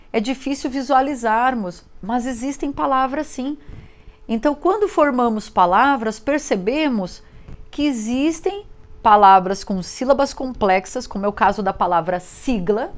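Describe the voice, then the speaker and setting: A woman teacher, giving a recorded literacy lesson, sounding out syllables slowly and clearly. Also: fairly high pitch. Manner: slow, clear syllable drilling.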